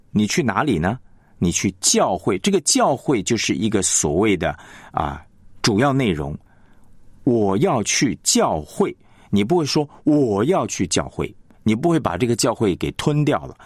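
A man teaching broadcast announcing on the radio, explaining patiently, repeating his points and reading example sentences slowly deliberate stress. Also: medium pitch, breathy edge, dry recording, studio quality. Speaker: broadcasting instructor. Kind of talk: radio lesson on announcing technique.

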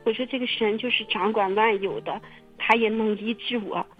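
A woman telling her own story in casual testimony, halting and repeating her words with many fillers. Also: medium pitch, faint music behind. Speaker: testimony guest. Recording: muffled phone-line radio recording.

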